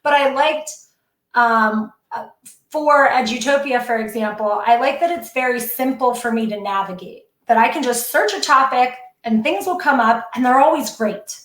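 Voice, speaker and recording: A woman's voice: a little high, normal speed, echoey room, rough recording. A woman educator telling an earnest, emotional story of her project on a podcast. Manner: earnest, excitable, tearful at times. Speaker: guest educator.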